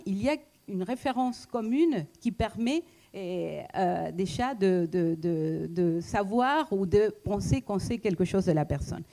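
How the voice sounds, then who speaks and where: A woman with a foreign accent giving a reflective public talk, pausing often with fillers and restarts. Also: mid-range voice, warm tone. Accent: foreign accent in French. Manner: hesitant, many fillers and restarts. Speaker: speaker at a talk, economist.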